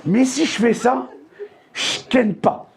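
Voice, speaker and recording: A man doing stand-up comedy on a theater stage, telling crude, slangy stories with loud outbursts. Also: very high voice, slow pace.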